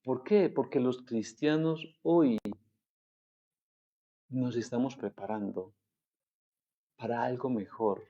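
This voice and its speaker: A male pastor from Colombia with a Colombian Spanish accent, preaching a sermon slowly and deliberately, drawing out the scripture he quotes. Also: mid-range voice, warm tone, dull audio, a little hiss or hum.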